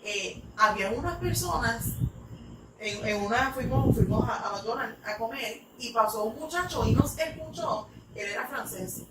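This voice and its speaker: A woman's voice: fairly high pitch, lively intonation, normal speed. A woman from New York, an English teacher, telling stories in a church talk with many fillers. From United States (New York). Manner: rambling, filler-heavy storytelling. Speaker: English teacher, ministry speaker. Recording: echoey room, mic far off, noisy.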